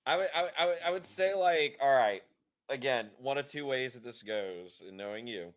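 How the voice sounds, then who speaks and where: In a medium-pitched voice with lively intonation, a man co-hosts a podcast at normal speed. It's casual chat: he rambles through his opinions with many fillers and restarts.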